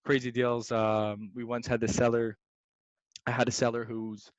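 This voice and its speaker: A young man, a real estate investor, telling stories in a casual podcast chat, slangy and lively, calling people "man" and "dude". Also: mid-range voice, normal speed, no echo. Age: young adult. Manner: animated, slangy, says "man" and "dude" often. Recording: dry, slightly dull sound.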